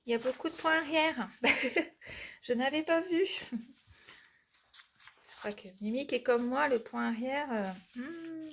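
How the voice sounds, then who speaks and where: A woman with a stuffy nose from a cold, chatting casually through a craft unboxing and often dropping to a soft murmur. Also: on the high side, slight background noise. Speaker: cross-stitch vlogger.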